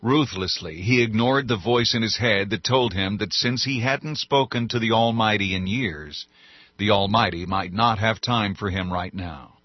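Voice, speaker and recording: A man narrating an audiobook in a measured, even reading. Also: fairly low pitch, no room sound. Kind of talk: scripted narration. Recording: dull, dry studio sound.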